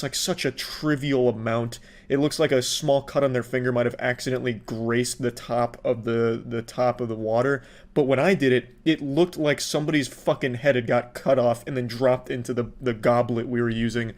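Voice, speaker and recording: A man talking casually to camera as a content creator, blunt, profane and exasperated. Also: medium pitch.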